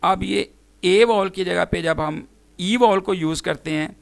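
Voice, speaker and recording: A man teaching an English phonics lesson to students, spelling words out letter by letter and then pronouncing them slowly and formally. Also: high-pitched, gravelly, no room sound. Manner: formal, addresses students directly.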